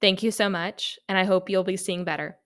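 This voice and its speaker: A woman's voice: mid-range voice, fairly even intonation, fairly quick, fairly bright tone, clear, resonant tone. A young woman hosting her own podcast alone, talking in an earnest, reflective and upbeat way. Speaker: podcast host. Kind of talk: solo podcast monologue.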